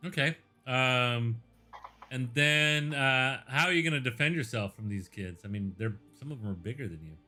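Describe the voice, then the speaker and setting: A man's voice: medium pitch, normal speed, bright, forceful tone, soft background music. A man narrating a tabletop game as game master, in a loose, rambling way. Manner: loose, filler-heavy storytelling.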